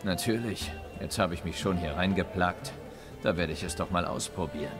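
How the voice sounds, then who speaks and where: A man's voice: sits low, moderate pace, close to an everyday voice. A man voicing a laconic monster hunter in a video game, speaking in a dry, understated way. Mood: dry, casual. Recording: music behind the voice.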